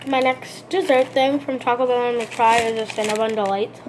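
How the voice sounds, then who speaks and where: A woman's voice: a little high, fairly even intonation, moderate pace, background noise. A woman vlogging a casual eating show, rambling with lots of fillers and restarts.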